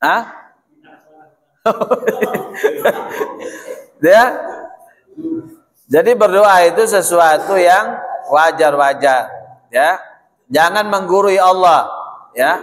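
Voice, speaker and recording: Guy with a high voice giving a folksy mosque talk, long hall reverb. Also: takes it slowly, pauses often. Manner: folksy, addresses the audience as "Pak", often adds "ya". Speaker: ustadz giving a mosque lecture. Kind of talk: sermon.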